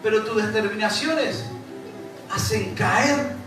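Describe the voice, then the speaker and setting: High-voiced Rioplatense preacher in an echoey hall. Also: male voice, takes it slowly. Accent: Rioplatense Spanish. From Uruguay. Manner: preaching with repetition and rising emphasis, addressing the congregation directly. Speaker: pastor. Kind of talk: sermon. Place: church hall. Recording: echoey church hall from far off, music behind.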